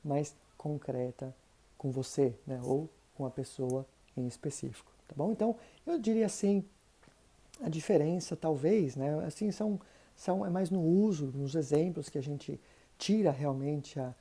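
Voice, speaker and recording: A woman explains German grammar in a patient, thinking-aloud way. Her voice sits low, with a very dark, mellow tone. She keeps checking that her listener follows. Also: normal speed, slightly rough. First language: Portuguese. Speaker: German teacher. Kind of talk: explanatory online lesson.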